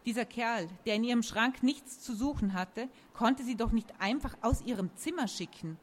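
A woman reading a children's story aloud in a lively, expressive way. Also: fairly high pitch, normal speed.

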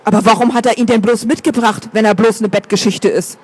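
A man's voice: sits high, fairly even intonation, brisk, darkish tone, breathy edge. A man voicing a prim, easily shocked woman in an audiobook. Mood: scandalized. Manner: scandalized, prim.

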